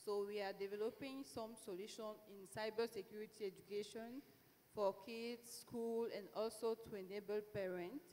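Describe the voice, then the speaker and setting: A woman from Cameroon introducing herself briskly on a conference panel, on a handheld mic in a large hall. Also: medium pitch, steady tone, mellow, a little hiss or hum. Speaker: panelist, edtech entrepreneur. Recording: long hall reverb.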